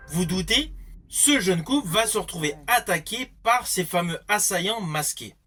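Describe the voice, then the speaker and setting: A man's voice: sits high, bright, forceful tone. A man giving a scripted film review, explaining things with emphatic phrasing. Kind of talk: scripted movie review narration.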